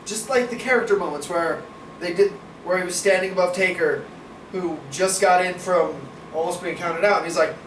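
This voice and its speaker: With a high-pitched, fairly bright voice at a moderate pace, this male co-host of a laid-back wrestling review podcast swears casually and holds strong opinions. He's recorded on a roomy, distant mic against a noisy background.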